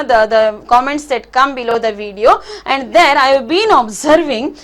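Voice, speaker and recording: High-pitched Indian woman teacher, Kannada accent. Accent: Kannada Indian English. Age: middle-aged. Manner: emphatic, repeats points, checks in with short questions. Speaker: English teacher. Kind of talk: online lesson explanation, advising students.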